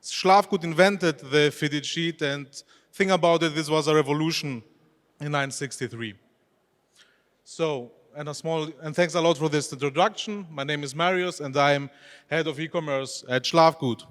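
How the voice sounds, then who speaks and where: A head of e-commerce whose first language is Greek gives a chatty conference presentation on an expo hall stage, putting questions to the audience in loosely phrased English. His voice is fairly high and fairly bright, at a normal speed, with the long reverb of a large hall around it.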